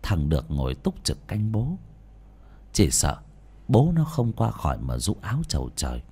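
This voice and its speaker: Dramatic man narrating, wildly expressive. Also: sits low, moderate pace, slightly rough. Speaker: audiobook narrator.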